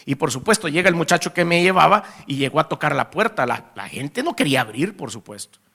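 A man with a Salvadoran accent preaching a testimony sermon, telling a story in lively fashion and addressing the congregation as brothers. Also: a little high, a little fast.

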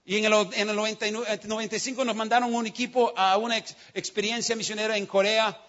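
A preacher with a bright, high voice delivers an impassioned sermon story. He drops to near whispers and then climbs to shouts. The recording is muffled and lo-fi. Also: flat delivery, quick pace. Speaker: pastor.

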